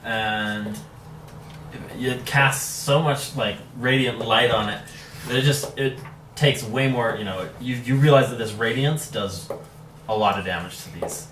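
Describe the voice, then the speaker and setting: A young man narrating a tabletop game as dungeon master, relaxed and laughing, recorded from across an echoey room. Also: mid-range voice, measured pace. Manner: relaxed, laughing, self-correcting. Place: living room with friends. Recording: echoey room, distant camera mic, background noise.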